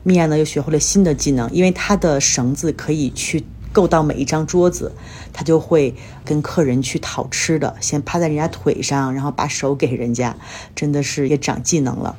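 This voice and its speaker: There's slight background noise as a Chinese woman with a low-pitched, darkish voice talks a little fast. Hosting a casual podcast on her own, she shares everyday stories and life updates, sounding tired and a bit sick.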